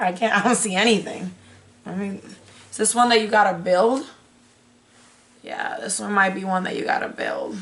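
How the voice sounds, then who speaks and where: A young beauty vlogger hosts a casual unboxing video in front of a curtain backdrop in a small indoor room. Her medium-pitched voice is hoarse and raspy, a bit bright, and sounds like it is giving out. She thinks aloud and chattily breaks off her own sentences.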